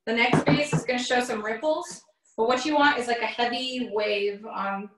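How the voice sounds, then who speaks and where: A woman's voice: a little high, steady tone, normal speed, very noisy. Young woman teaching a recipe from afar. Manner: chatty, explains step by step with fillers. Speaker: cooking instructor. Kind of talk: casual cooking demonstration. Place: home kitchen, indoors. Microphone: camera across the counter. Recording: echoey kitchen, far from the mic.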